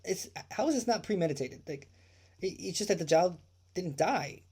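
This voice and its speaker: A man's voice: high voice, animated, normal speed, mellow, slightly rough. A man hosting a true crime livestream, ranting indignantly with swearing and rhetorical questions, repeating his points.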